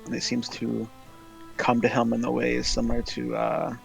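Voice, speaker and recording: A man speaking in character in a tabletop game, hesitant and halting with many pauses and fillers. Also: medium pitch, monotone, creaky, soft background music, rough recording. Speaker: player. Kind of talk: in-character tabletop role-play.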